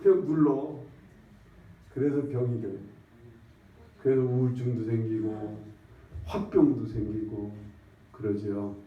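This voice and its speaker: A male pastor giving a conversational sermon in a church, repeatedly asking the congregation questions in a folksy, repetitive way. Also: medium pitch. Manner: peppers talk with questions to the congregation; folksy, repetitive, drawn-out emphasis. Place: church sanctuary. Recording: echoey, distant, dull lo-fi church recording.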